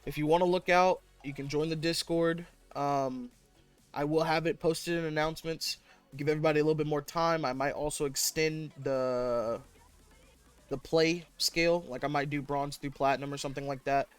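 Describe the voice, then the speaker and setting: A man hosting and casting an amateur online game tournament, laughing often and jumping up in pitch when excited. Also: normal speed, smooth, soft background music. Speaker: tournament host and caster. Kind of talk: casual esports commentary.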